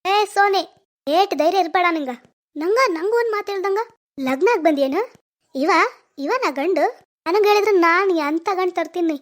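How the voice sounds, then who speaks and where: A woman's voice: extremely high pitch, normal speed, voice pushed up. A woman voicing an indignant older sister in a cartoon. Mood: furious. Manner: shouting, indignant.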